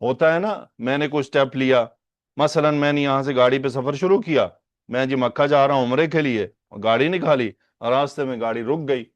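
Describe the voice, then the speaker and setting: A man delivers a patient religious lesson, repeating each phrase and asking rhetorical questions as he explains it. His voice sits at an ordinary middle pitch. The recording is dry and a little dull. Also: no echo. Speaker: hadith teacher. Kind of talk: Urdu lesson on Arabic hadith grammar.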